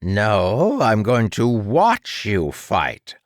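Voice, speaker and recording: A man narrating an audiobook and voicing a smug, gleeful villain doctor with a theatrical, condescending, drawn-out delivery. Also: lowish voice, huge pitch swings, no room sound, studio quality, voice pushed up, heavily acted. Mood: amused, dismissive. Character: gleeful, smug mad-scientist villain doctor, verbose and mocking.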